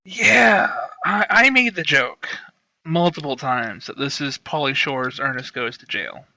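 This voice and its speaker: A man with a fairly high, very bright, edgy voice, recorded on a dry, muffled lo-fi mic. He co-hosts a casual comedy podcast, talking wryly and laughing through his sentences. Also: measured pace, no echo. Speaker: podcast co-host. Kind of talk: casual comedic film review chat.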